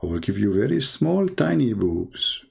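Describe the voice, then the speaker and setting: Lowish and a little mellow, with vocal fry, a breathy edge and big pitch swings, this man speaks at a moderate pace. He hosts a casual live stream as a religious apologist, a Middle Eastern native Arabic speaker with an Arabic accent, and his tone is sarcastic and mocking, marked by emphatic repetition.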